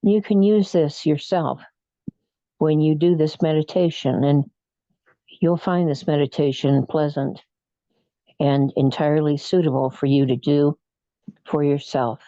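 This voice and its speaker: A guided imagery meditation leader speaks very slowly in a soothing, mellow mid-range voice with fairly even intonation. Short phrases are broken up by frequent pauses in a hypnotic, relaxing style. The recording is dry and slightly muffled, with no room sound.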